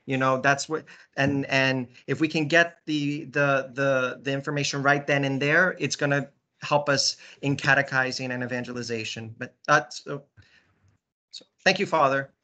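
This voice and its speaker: Bright-voiced man with a Brooklyn accent. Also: medium pitch, steady tone. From Brooklyn, New York. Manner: halting, restarts words often. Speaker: diocesan catechesis resource staff. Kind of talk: casual presentation in an online meeting. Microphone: video call.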